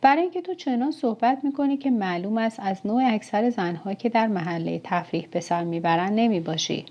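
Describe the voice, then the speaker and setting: A woman reading a calm young chariot driver. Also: medium pitch, close to an everyday voice. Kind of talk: audiobook dialogue reading. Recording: dull, muffled audiobook recording.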